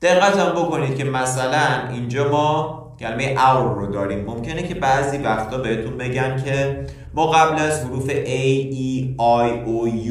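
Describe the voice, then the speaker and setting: Echoey man teaching grammar. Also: mid-range voice. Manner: explains step by step with questions to the learner. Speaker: English teacher. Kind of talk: grammar lesson. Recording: very echoey room, distant mic.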